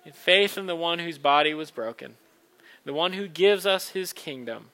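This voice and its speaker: Male pastor, high bright voice, earnest kindly sermon delivery in short repeated phrases. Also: animated, moderate pace, low-quality recording. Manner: rhetorical repetition in short phrases. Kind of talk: church sermon and communion liturgy.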